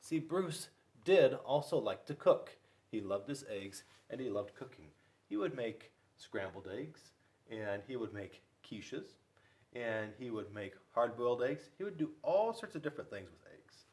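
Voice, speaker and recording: A man reads aloud to children as a school officer, turning the picture book into an animated, playful session full of questions for his young audience. His mid-range voice moves in big pitch swings, a little slow and slightly mellow.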